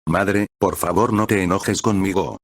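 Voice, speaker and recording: A man voicing an anxious young adult female pony, a guilty daughter, with a halting, choked stammer. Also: sits low, steady tone, dry recording, studio quality.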